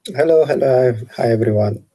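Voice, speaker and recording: Man, husky and mellow, earnest halting intro over a call. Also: mid-range voice. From Ethiopia. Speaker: workshop participant. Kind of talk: casual self-introduction on a video call.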